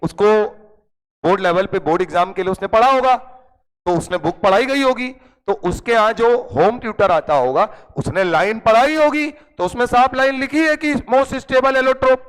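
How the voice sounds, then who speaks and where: A male chemistry teacher, telling a lively story to his class and acting out the voices of friends and his mother. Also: very high-pitched, moderate pace, smooth. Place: coaching classroom. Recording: long hall reverb in classroom.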